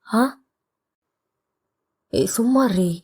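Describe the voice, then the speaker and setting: A remorseful young husband pleads softly with his wife in this audio novel reading, voiced by a woman. The tone is mellow and warm, with a tender, scolding edge. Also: on the high side, extremely slow, breathy edge, exaggerated voice. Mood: tense. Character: young husband, guilt-ridden and protective.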